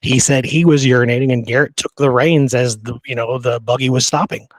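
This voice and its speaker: This man co-hosts a conversational history podcast, sometimes reading quotes aloud and restating points to drive them home. His medium-pitched voice keeps a steady tone at a slightly quick pace, with no room sound.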